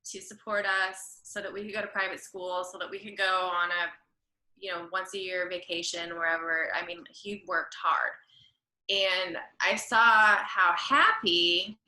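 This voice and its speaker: A woman's voice: fairly low pitch, bright, forceful tone, roomy sound, low-quality recording. A woman, a guest telling a long story in a chatty, rambling way and correcting herself as she goes. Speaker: podcast guest, florist and creative director. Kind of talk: casual storytelling interview.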